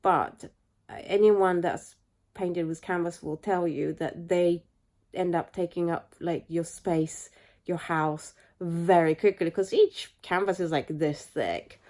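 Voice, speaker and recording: A woman sounds stuffed up and nasal from a flu as she talks casually into a camera she holds at arm's length while lying in bed. She rambles through long explanations in a chatty, relaxed way, speaking as an artist vlogger. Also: fairly low pitch, slow. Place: her bed, indoors. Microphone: handheld camera at arm's length.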